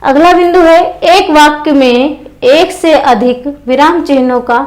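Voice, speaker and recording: A woman's voice: high-pitched, a little slow, darkish tone, poor audio. A woman teaching an exam-prep grammar lesson, who repeats key phrases and puts questions to her students.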